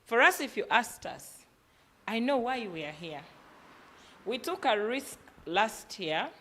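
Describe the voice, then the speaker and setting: Speaking on the high side, very animated yet slow, with a slightly bright tone, this Ugandan-accented woman gives a motivational business talk as a workshop presenter. Her style is emphatic and instructive, full of rhetorical questions she answers herself, with slight background noise.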